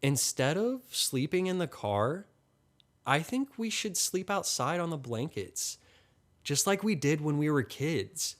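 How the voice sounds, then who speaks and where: A man voicing a blunt, excitable young woman in a comedy story. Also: on the high side, measured pace, voice pushed up. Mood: excited. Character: blunt, cheerful young woman, the hero's companion.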